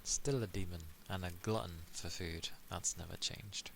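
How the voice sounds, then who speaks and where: A very deep, flat-voiced man murmurs in a soft, rambling ASMR chat, taking his time between words. Steady background noise sits clearly under his voice. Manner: soft, rambling, slow-paced musing. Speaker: streamer.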